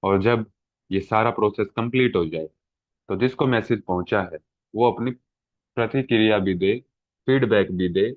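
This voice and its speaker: A man's voice: fairly low pitch, normal speed, dry recording. A middle-aged man teaching an exam-prep lecture, explaining step by step and often checking in with his students. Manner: explanatory, mixes English terms, frequent "ठीक है" check-ins. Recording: tinny phone-like dry sound.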